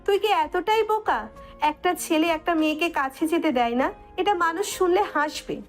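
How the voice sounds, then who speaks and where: A woman's voice: extremely high pitch, normal speed, faint music behind. An actress playing a frank young woman friend who teases and gives blunt advice in an audio drama. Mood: advising. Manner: blunt, teasing. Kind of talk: Bengali audio drama acting.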